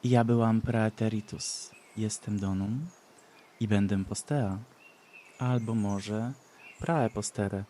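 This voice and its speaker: A man voicing a cruel, mocking mad sorceress who speaks slowly and taunts in a sing-song way, for a storybook reading. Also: on the low side, fairly even intonation, warm tone, slight background noise. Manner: slow, taunting, sing-song with cackling laughs.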